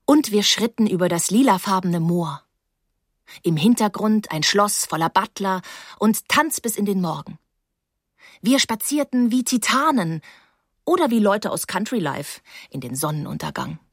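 A woman narrating a first-person novel as an audiobook, calm and wry. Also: mid-range voice, measured pace, breathy edge, no echo, studio quality.

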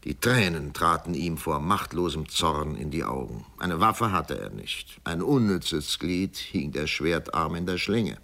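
Brief: male audiobook narrator, very low voice, animated delivery, dramatic storytelling. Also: measured pace, creaky, hardly any pauses. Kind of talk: scripted narration of a classic novella.

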